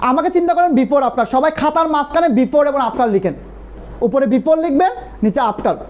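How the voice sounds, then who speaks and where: A young man teaching English grammar in a live online class, drilling points over and over in a lively, repetitive way. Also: very high voice, normal speed. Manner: animated, repetitive drilling, calls students brother. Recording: dull lo-fi live stream audio.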